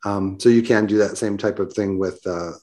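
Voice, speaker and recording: A man's voice: fairly low pitch, fairly even intonation, normal speed, darkish tone. A man co-hosting a casual tech podcast, checking his understanding by restating ideas in his own words. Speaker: co-host.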